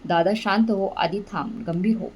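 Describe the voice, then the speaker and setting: A woman's voice: mid-range voice, fairly even intonation, normal speed, a little mellow, a little hiss or hum, close to an everyday voice. A woman voicing a kind, determined young man who speaks earnestly and reassuringly. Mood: firm.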